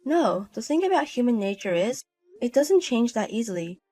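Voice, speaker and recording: A woman's voice: on the high side, big pitch swings, moderate pace, warm tone, faint music behind. Cold, cutting woman with a raised voice. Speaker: narrator and wife in a voiced story. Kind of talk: scripted drama voice acting.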